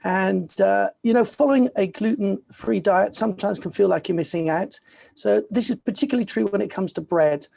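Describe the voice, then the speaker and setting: A man's voice: sits high, a little fast, creaky, mellow. A man hosting a virtual festival, introducing the next guest in an upbeat way with frequent ums and uhs. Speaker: festival host.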